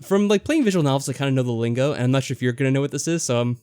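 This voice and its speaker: With game music behind him, a man delivers casual, somewhat tentative let's play commentary and reads game text aloud. His mid-range voice is warm, expressive, and rapid-fire, captured cleanly in studio quality with no echo.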